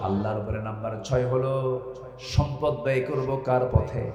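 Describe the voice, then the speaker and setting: A man preaching a Bengali waz sermon, laying out numbered points, drawing call-and-response from the crowd, chanting Quran verses and rising suddenly into shouts. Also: medium pitch, steady tone, normal speed, soft background music. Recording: echoey hall with long reverb.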